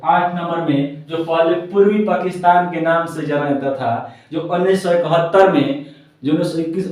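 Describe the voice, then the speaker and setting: A man teaches geography from a map with a rather high voice. He says every point twice and recites lists in a sing-song chant. The sound is very roomy and echoey, and he stands a little away from the mic. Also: a little mellow, recorded from a distance. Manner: repeats each point twice. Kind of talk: classroom-style map lesson.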